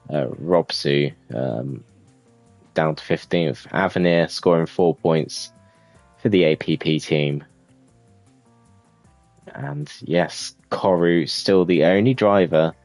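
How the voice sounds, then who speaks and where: A man with an extremely low, deep voice talks through race standings from his management game. His delivery is relaxed and rambling, full of fillers, recorded dry and close with faint music behind him. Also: no echo. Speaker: gamer commentating his own racing management game. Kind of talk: casual let's-play commentary.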